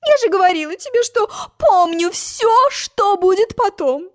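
A fussy, tearful old storybook queen, played by a woman reader, with a very high, shrill voice that swings wildly up and down. She wails and shrieks, then drops into coaxing lament. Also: expressive, a little slow. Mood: calm.

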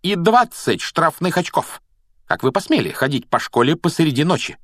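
Stern older woman professor, voiced by a man, scolding, emphatic, raised pitch, dry close mic. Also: sing-song, normal speed, fairly bright tone, dry recording.

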